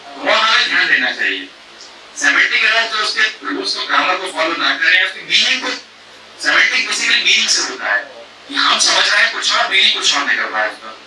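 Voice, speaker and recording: This man's voice is high-pitched, very animated, brisk, bright, and forceful, captured on a distant mic in an echoey room with a little hiss or hum and low recording quality. A professor teaching a faculty workshop, he explains programming errors through rhetorical questions and homely food analogies, dropping English technical phrases into Hindi.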